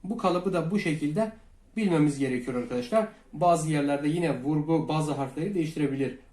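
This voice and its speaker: A man from Turkey teaching a language lesson, calmly repeating each phrase twice and speaking to viewers as friends. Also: fairly high pitch, brisk, roomy sound. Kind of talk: slow Russian lesson for Turkish learners.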